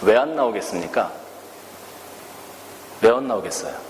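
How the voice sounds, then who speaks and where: A man's voice: lowish voice, animated, moderate pace, a little hiss or hum. A male pastor from Korea preaching a sermon with rhetorical questions and acted-out quotes. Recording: echoey church hall, faint ambience.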